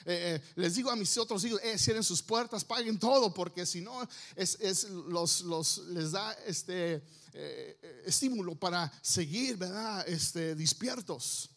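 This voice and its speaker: A man's voice: high-pitched, slow, fairly bright tone. A man preaching a sermon as a pastor, earnest and emphatic, repeating his key phrases.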